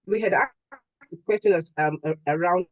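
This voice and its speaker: A moderator speaks over a video call that keeps glitching, the voice breaking up and dropping out mid-word. The audio is dull, lo-fi and dry with no room around it. They talk haltingly, repeating words while checking whether the connection has come back. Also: medium pitch, no room sound. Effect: voice breaking up and cutting out on a glitchy call connection. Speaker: panel moderator. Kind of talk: online panel discussion.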